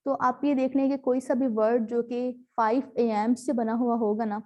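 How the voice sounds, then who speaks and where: A woman's voice: on the high side, level tone, normal speed, warm tone. A woman teaching an online class over a video call, explaining step by step with frequent fillers on her terms. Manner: explains patiently, mixing in English terms, many fillers.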